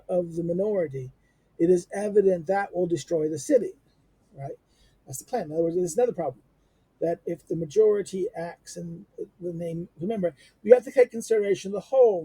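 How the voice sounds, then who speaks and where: A middle-aged man with a high-sitting, warm, husky voice gives an unscripted lecture on a text, halting often with many fillers, restarts and rhetorical questions. The recording has no echo.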